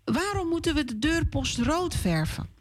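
A woman voicing a curious, excited little girl in a children's story. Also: sits high, normal speed, voice pushed up. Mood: eager.

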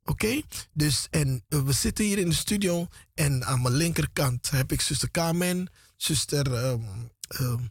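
Guy hosting church radio in a small studio, bit high pitched, dry sound, lots of ehms. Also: slightly rough, dry recording. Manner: preachy, halting with many fillers.

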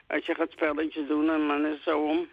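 Creaky older woman. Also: sits low, completely flat delivery, brisk, no room sound. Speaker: regular radio phone-in caller. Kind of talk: casual chat. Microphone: telephone. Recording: dull lo-fi phone line.

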